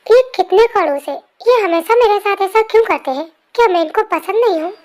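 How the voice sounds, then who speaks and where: A woman's voice: very high voice, expressive, brisk, a little mellow. Woman voicing a whiny teenage little sister. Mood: whiny, pouting. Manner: whiny, pouting. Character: cheeky teenage younger sister, whiny and playful. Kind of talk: fan story narration. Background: faint music.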